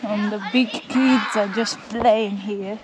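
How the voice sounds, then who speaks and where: A woman from Malawi chatting casually in a vlog as she walks through deep snow around a countryside cabin, filming on a phone. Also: fairly even intonation, slow pace, background noise. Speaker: vlogger.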